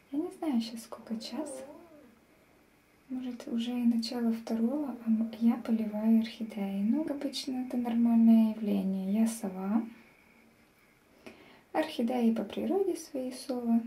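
Slow, high-voiced woman, hushed and often whispering. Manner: speaks softly, often dropping into a whisper at night; affectionate, teasing pet talk with diminutives. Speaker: pet owner and amateur plant vlogger. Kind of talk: hushed, whispered vlog talk to a pet and viewers. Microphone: handheld phone.

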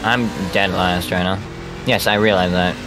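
A man's voice: low-pitched, steady tone, moderate pace, rough recording. A young man in casual voice chat while sim racing, joking and swearing freely.

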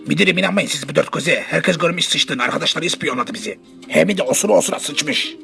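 A man voicing a stern, crude, gruff school principal in a comedy parody dub. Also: a little high, expressive, fast, bright, forceful tone, soft background music, heavily acted. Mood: stern, threatening.

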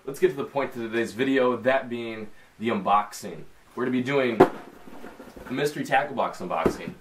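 A man's voice: medium pitch, a little fast, very noisy. A young man with a Midwestern American accent, casually chatting through a fishing tackle unboxing in his small bedroom, full of slang and fillers. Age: young adult. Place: small bedroom with a desk, indoors.

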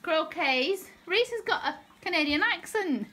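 A woman's voice: very high voice, animated, normal speed, bright, forceful tone. A woman at a home New Year's party, casually fussing with a video call.

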